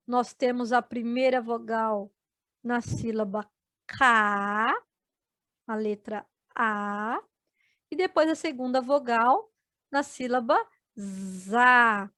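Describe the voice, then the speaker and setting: A woman's voice: fairly high pitch, bright, forceful tone, no room sound. A Brazilian woman teaching an adult education video lesson, spelling out words syllable by syllable for her students. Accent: Brazilian Portuguese. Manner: slow, syllable-by-syllable explaining to students.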